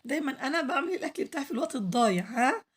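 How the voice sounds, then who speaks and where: Hoarse, fast-talking Egyptian woman. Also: high-pitched, animated. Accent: Egyptian Arabic. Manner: chatty, addresses viewers directly, pleads for likes. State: hoarse, losing her voice. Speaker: cooking channel host. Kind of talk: home cooking vlog narration.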